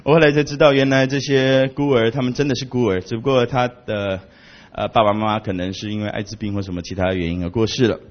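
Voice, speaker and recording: A man from Taiwan, a missionary giving a humorous storytelling talk in an animated, joking way. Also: fast, lo-fi sound. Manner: animated, jokey, big swings in pitch and loudness.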